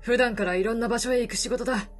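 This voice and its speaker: A woman voicing a middle-aged male travel reporter from a game, world-weary, kindly, calm and measured. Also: soft background music, close to an everyday voice. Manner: calm, low, measured delivery. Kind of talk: reading game dialogue in character.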